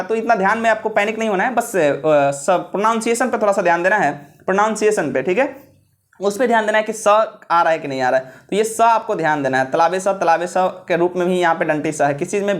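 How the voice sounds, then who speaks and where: A man teaching an old script, repeating himself and checking in with the listener often. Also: sits high. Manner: repetitive, checks in with "ठीक है" often; slows down to spell out letters. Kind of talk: classroom-style script lesson.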